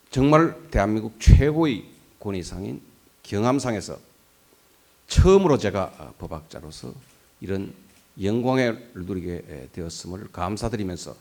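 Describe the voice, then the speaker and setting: An older man accepts an award with a formal speech, earnest and dignified. His voice sits fairly low, but his pitch swings widely as he stresses his words. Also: creaky, darkish tone. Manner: earnest and dignified, with emphatic rises and falls. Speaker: award recipient, law professor.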